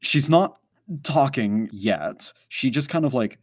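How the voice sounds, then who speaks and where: A man's voice: medium pitch, expressive, takes it slowly, dry recording, studio quality. A man narrating a tabletop game as game master, rambling with many fillers. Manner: rambling, full of "like" and "um".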